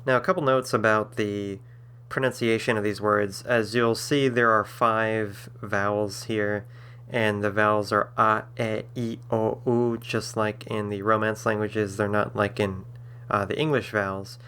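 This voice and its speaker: A man's voice: lowish voice, little pitch movement, unhurried, sharp tone, clear, resonant tone. A man teaching a language-building lesson, patiently spelling out sounds with some filler words. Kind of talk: explanatory lesson.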